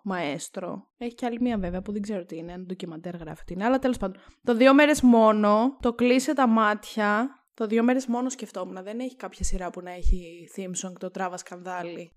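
A young woman hosting a podcast, chatting casually and rambling, often correcting herself. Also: medium pitch. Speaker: podcast host. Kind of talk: casual chat.

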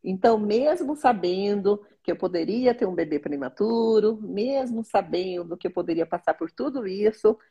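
A pregnant woman in her forties with a Brazilian Portuguese accent, chatting casually in a small bedroom and reading a psalm slowly and earnestly. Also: medium pitch, expressive, dark tone, breathy edge, muffled recording. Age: 40s. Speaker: vlogger.

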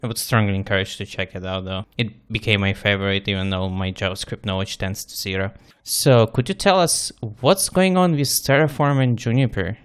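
A man's voice: fairly low pitch, fairly quick, few pauses, clear, resonant tone. A man hosting a casual panel chat in an encouraging manner. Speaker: host.

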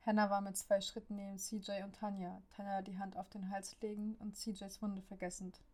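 Reading a story aloud in audiobook style, a woman keeps her pitch almost still, so every line stays level from sentence to sentence. She moves along briskly.

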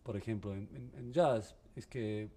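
Halting man teaching a violin masterclass. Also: lowish voice, very noisy. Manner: halting, mixes in English words, asks the class questions.

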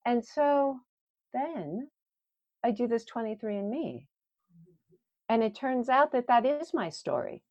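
A woman's voice: on the high side, animated, a little slow, long pauses, a little mellow, dull audio. A woman coach as an interview guest, talking in a reflective, earnest way and often asking "right?". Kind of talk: casual interview chat.

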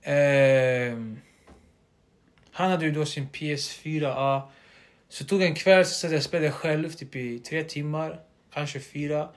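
A man's voice: fairly high pitch, fairly even intonation. A young man, co-hosting a casual podcast chat and rambling loosely through his stories. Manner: rambling, loose, drops into quoted asides. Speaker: podcast co-host.

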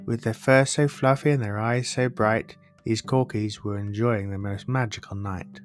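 A man reading a rhyming bedtime story aloud as a storybook narrator, in a measured delivery. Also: fairly low pitch, steady tone. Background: plucked guitar music.

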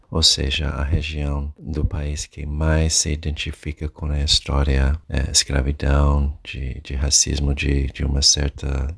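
50s man, very low flat voice, dry and gravelly. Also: no echo. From United States. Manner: measured, reflective. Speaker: guest. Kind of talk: recorded personal statement.

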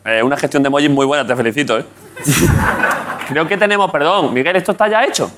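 A man with a Spanish accent hosting a late-night comedy show, joking quickly and tagging his lines with "¿eh?". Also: fairly high pitch. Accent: Spanish from Spain. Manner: quick, joking, repeats words and tags lines with "¿eh?". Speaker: talk show host. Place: TV studio with live audience. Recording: studio audience, crowd noise. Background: studio audience.

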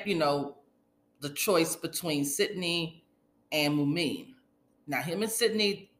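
Woman recapping reality tv, casual n sassy, acts out quotes, sharp bright voice, roomy echo. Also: low-pitched. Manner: animated retelling, acting out others' quoted remarks; colloquial, sassy asides. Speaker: host of a reality TV recap show. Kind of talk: casual opinionated commentary. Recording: echoey, reverberant room.

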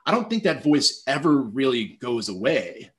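A man in his thirties telling stories as a podcast guest, lively and conversational, acting out his own thoughts with lots of "like". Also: medium pitch, normal speed. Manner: animated, storytelling, acts out quoted thoughts, heavy use of "like". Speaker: podcast guest, public speaking teacher. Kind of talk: casual conversational interview.

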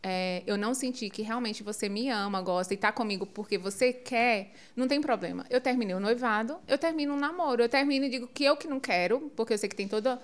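A woman telling a personal story in a relaxed, animated conversation, often laughing. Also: fairly high pitch, fast, hardly any pauses. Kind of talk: casual storytelling on a podcast.

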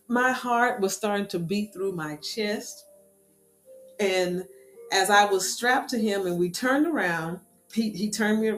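A woman of middle pitch tells a personal story in a loose, animated way, breaking off for quick asides. Her voice rings in an echoey room, with faint music underneath. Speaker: speaker sharing a personal story. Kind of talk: casual storytelling talk.

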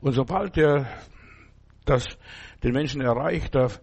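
A middle-aged man delivers a sermon with a gravelly, creaky voice. His tone is husky, and he speaks earnestly, returning to the same phrases and checking in with his listeners. His pitch sits at an ordinary middle height. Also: a little slow, a little mellow. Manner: earnest, repeats phrases with many tag questions. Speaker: preacher.

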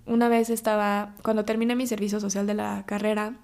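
A woman's voice: mid-range voice, flat delivery, fairly quick, a little mellow. A young woman with a Mexican accent in her twenties, speaking an intimate, emotional personal monologue on her podcast. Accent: Mexican Spanish. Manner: emotional, confessional, teary at times. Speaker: podcast host.

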